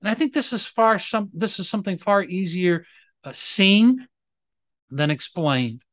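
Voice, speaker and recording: A man preaching a sermon as pastor, with emphatic rises and slowed, drawn-out phrases, mixing storytelling with teaching. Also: high voice, lively intonation, a bit bright, no room sound.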